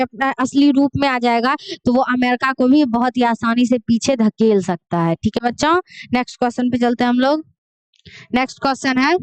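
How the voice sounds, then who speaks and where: A woman's voice: sits high, smooth, dry recording. A woman teaching an exam-prep class, reading out each question, then repeating the answer and explaining it patiently while calling her students kids.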